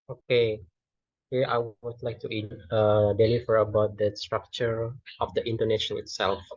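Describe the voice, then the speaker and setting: A man's voice: lowish voice, level tone, unhurried, a little mellow, no room sound. Hesitant young man, dull dry audio. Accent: Indonesian. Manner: hesitant, many fillers and self-corrections. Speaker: student presenter. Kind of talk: class presentation.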